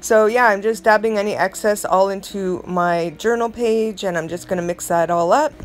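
A woman's voice: medium pitch, moderate pace, a little hiss or hum. A middle-aged woman giving a casual, rambling voice-over of her art process, chatty and self-admittedly dramatic. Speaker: art vlogger.

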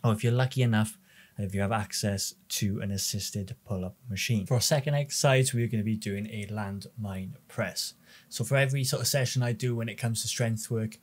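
A man's voice: on the low side, a little mellow. A man, explaining gym exercises as a strength coach in a practical, plain way. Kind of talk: instructional workout voice-over. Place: large indoor gym.

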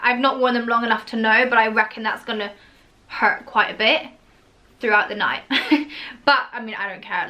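A young woman talks through a clothing haul in a casual, gushing way, stringing thoughts together with lots of "like". Her voice is bright and a touch higher than average. She sounds like a vlogger chatting at home. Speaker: fashion vlogger.

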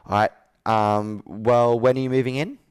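A sales coach in his thirties, a man with a clear, resonant, medium-pitched voice, speaks at normal speed in a steady tone during a conversational roleplay on a video call. He asks direct, probing, persuasive questions from an indoor room with a whiteboard, and the audio is clean studio sound with no room sound.

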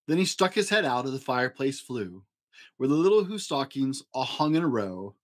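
Speaking with a sing-song lilt at medium pitch and normal speed, a father-storyteller host brings a children's story to life with dramatic, playful flair. The setting is a small indoor home studio.

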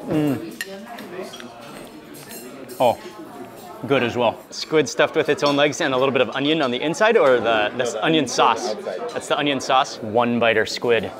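A food vlogger in his thirties excitedly narrates a seafood meal, savoring each bite with hums and exclamations, in a mid-range voice at normal speed with long pauses. He's recorded on a small clip mic in a restaurant dining room and at an outdoor grill, with a busy, chattering crowd behind him.

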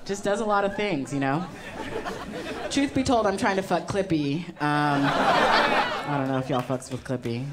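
A young woman with a low, lively voice works through a stand-up set, speaking a little slowly and pausing often, with frequent ums between her conversational jokes. She holds a handheld microphone before a live crowd, and the recording is very noisy with their loud laughter.

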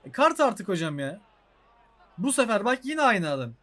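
A young Turkish man calls the action of a football video game in his own channel's let's-play. His voice sits high for a man, and he swings between quick match calls and exasperated outbursts at the game. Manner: excitable, frustrated outbursts at the game. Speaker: gaming YouTuber.

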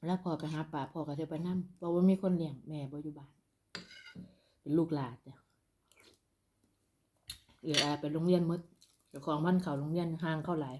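Woman, northeastern Thai Isan accent, deep register, mellow timbre, casual eating-show chat, talking while eating. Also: steady tone, fairly quick, pauses often, slight background noise. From northeastern Thailand. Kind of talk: casual mukbang chat to followers.

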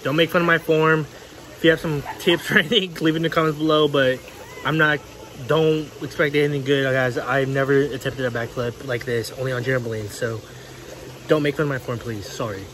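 A man's voice: medium pitch, steady tone, a little fast, a little hiss or hum. A young man talking casually to the camera in a vlog, outdoors by a backyard pool, chatty and jokey. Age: young adult. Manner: chatty, jokey, yells out loud now and then. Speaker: vlogger.

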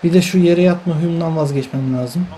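A man's voice: fairly high pitch, a little fast, dark tone, rough recording. Grumbling man commentating his football game. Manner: frustrated, grumbling and repeating himself. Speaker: gamer playing a football video game. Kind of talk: live gameplay commentary.

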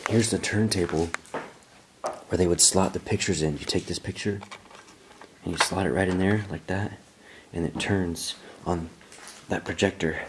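Wandering through a derelict newspaper office, this low-voiced young explorer chats excitedly and muses aloud for his vlog. He speaks at a moderate pace with frequent pauses, and background noise can be heard.

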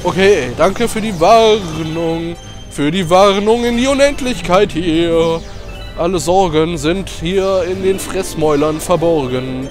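A young man commentating a video game, fast, jokey and rambling. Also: sits high, over music. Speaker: let's play commentator. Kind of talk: casual gaming commentary.

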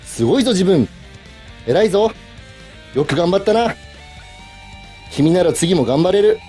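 A man's voice: high-pitched, animated, a little slow, warm tone, faint music behind. A man playing a cheerful hero with a twang. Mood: encouraging. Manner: bold heroic cheer, talking to small children. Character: cheerful male superhero, kind and encouraging.

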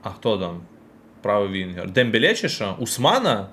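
Very animated and a bit bright, a low-leaning male voice provides casual live-stream commentary while opening football card game packs, with slight background noise. He talks chattily to chat and reacts quickly.

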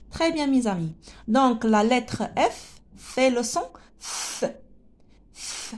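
A woman teacher with a North African lilt to her French, leading a phonics lesson for small children. Her voice sits fairly high, and she drags every word out very slowly, sounding out each letter and syllable with care. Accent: French spoken with a North African lilt. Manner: slow, drawn-out, careful sounding out of letters.

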